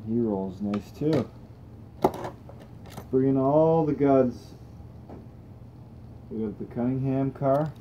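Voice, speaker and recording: A man's voice: mid-range voice, slow, pauses often, muffled recording, noisy background. A young man hosting a toy car channel, chatting casually and thinking aloud as he tests cars on a table indoors. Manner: relaxed, rambling, thinks aloud while testing cars.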